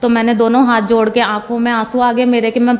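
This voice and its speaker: A woman's voice: a little high, flat delivery, fast, in a large hall. A young woman giving a personal testimony, retelling conversations at length and repeating "I said".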